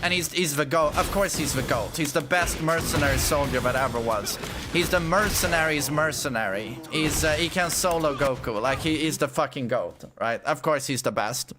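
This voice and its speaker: A man's voice: on the high side, moderate pace. A man streaming a game and giving profane, sarcastic running commentary. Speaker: gaming streamer. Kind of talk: casual gaming commentary. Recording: game music playing behind. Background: game music.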